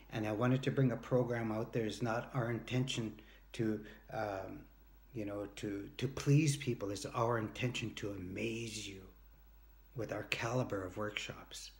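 With vocal fry, a darkish tone, and a fairly low pitch, this man keeps his intonation fairly even and talks at a normal speed. He's a workshop leader and motivational speaker in his early fifties, earnestly and emphatically telling anecdotes to the camera and acting out short quoted exchanges. He's in a home room with a sloped ceiling, with a phone or device held at arm's length.

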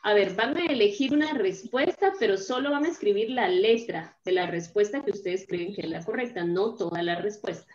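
A woman's voice: medium pitch, normal speed, hardly any pauses, echoey room, dull audio, slight background noise. Patient woman teacher on a video call. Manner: patient, explains step by step, often checks with "¿verdad?". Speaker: primary school teacher. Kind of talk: online class instruction.

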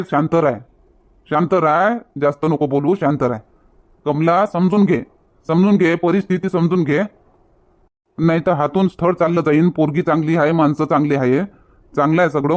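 A man plays a village headman with a Varhadi Marathi accent who soothes and settles a quarrel. His voice sits a little high and stays even and placating. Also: close to an everyday voice. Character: calm village headman who makes peace. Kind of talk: village comedy skit.

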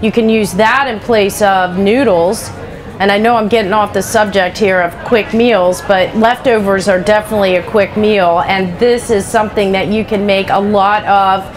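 With a headset mic and a bit of background noise, a middle-aged woman chef demonstrates cooking live on a trade show stage. Her tone is steady, her pitch medium, her pace moderate, and she talks in a practical, chatty way sprinkled with "you know" asides.

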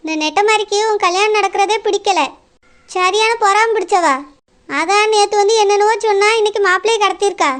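A woman's voice: very high voice, a little fast, fairly bright tone. A woman doing a bossy, accusing village woman. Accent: Kanyakumari Tamil. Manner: accusing, scolding. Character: young village woman Radha, suspicious and bossy.

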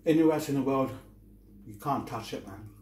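A man chatting casually to camera as he eats crunchy chips, pausing and clearing his throat between remarks. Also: medium pitch, a little mellow. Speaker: mukbang vlogger. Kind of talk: casual eating-show chat. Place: small domestic kitchen-dining room, indoors. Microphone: camera across the table. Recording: roomy, distant mic, faint noise.

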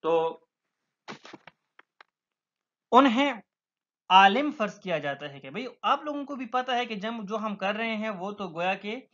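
A man teaching a religious text, explaining it point by point with pauses and fillers, reciting Arabic lines slowly before translating them. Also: high voice, animated, bright, forceful tone, highs cut off. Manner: explains step by step with fillers and repetitions. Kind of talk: classroom lecture explaining a text.

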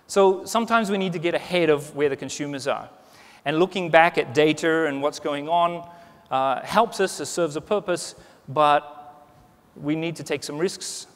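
This man in his forties has a fairly high-pitched voice and a moderate pace. He's giving a conversational keynote on a large stage, frequently restarting and dropping "you know." The recording carries the reverb of a conference hall.

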